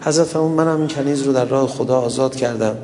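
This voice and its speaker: Gravelly preacher in an echoing hall. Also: male voice, medium pitch, fairly even intonation, darkish tone. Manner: tender, rising into mournful lament. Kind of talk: religious sermon with storytelling and lament.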